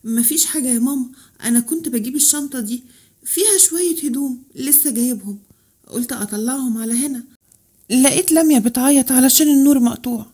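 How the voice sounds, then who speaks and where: A young man in a spoken story, speaking with an Egyptian accent, as a woman narrator reads him. The voice stays close to hers: fairly high, mellow and a little husky. He talks in plain, earnest sentences. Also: fast talker. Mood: explaining. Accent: Egyptian Arabic. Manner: read in the narrator's own voice. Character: young man, apologetic then pleading.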